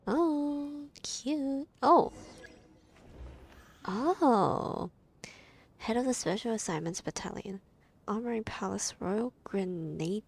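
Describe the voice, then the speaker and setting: A woman's voice: fairly high pitch, slow, creaky, long pauses. A young woman streamer reacting to a game, gushing and half-whispering as she reads along.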